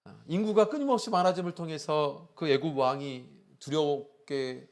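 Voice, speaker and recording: A man's voice: a little high, moderate pace. A male pastor preaching a sermon in church, telling a story with frequent "uh" fillers and rising emphasis.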